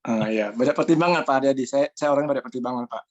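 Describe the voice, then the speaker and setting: A man's voice: medium pitch, very fast, lo-fi sound, background noise. A man in his forties asking a question in a polite, deferential way. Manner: polite and deferential, addresses the other speaker as sir.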